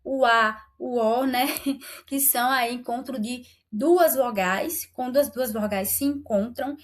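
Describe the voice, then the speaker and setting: A young woman teaching Portuguese grammar over slides, patient, often checking in with viewers and stretching key words slowly. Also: a little high. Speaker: Portuguese teacher on a video channel.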